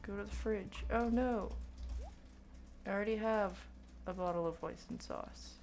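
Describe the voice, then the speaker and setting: A streamer from Oklahoma, a woman with a light Oklahoman accent, chats casually with her chat while gaming. Her medium-pitched voice is unhurried and a little mellow. She rambles, pokes fun at herself, and giggles at her own remarks.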